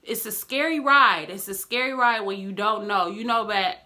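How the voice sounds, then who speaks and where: A young woman talking casually in a vlog, telling a story with lively acted-out quotes and encouragement. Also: medium pitch, moderate pace. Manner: animated storytelling, acts out quoted friends. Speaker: vlogger.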